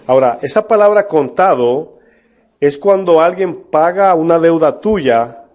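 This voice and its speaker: A man's voice: a little high, animated, measured pace, darkish tone. A man preaching a sermon as pastor, emphatic, with rhetorical questions to his congregation. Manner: mocks false prophets in a put-on voice.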